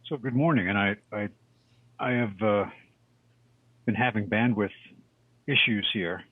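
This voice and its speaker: A deep-voiced man comes through a thin, phone-like call line. His voice is husky and dry, with no room around it. He chats in a loose, rambling way and corrects himself as he goes. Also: unhurried, no echo. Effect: heard over a tinny internet call. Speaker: call-in guest. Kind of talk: casual chat. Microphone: headset on a video-call app. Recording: tinny phone-like call audio.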